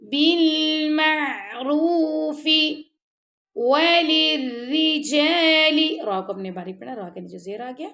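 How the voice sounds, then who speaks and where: A woman teaching tajweed, patiently explaining pronunciation step by step and then chanting the words slowly. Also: medium pitch, creaky, darkish tone. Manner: patient, explains step by step, often checks with "ٹھیک ہے؟"; slow drawn-out chanted recitation between plain explanation. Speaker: Quran recitation teacher. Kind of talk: tajweed lesson, explaining and reciting.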